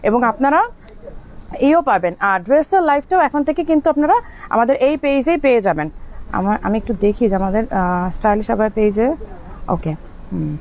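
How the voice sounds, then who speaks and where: A high-pitched woman shows off clothes in a rapid, chatty stream from inside a shop. She repeats her points and breaks off to give directions to staff. A faint room hum sits behind her voice. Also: expressive, darkish tone. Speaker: shop seller hosting a live clothing sale. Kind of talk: live product showcase. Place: indoors in a clothing shop outlet.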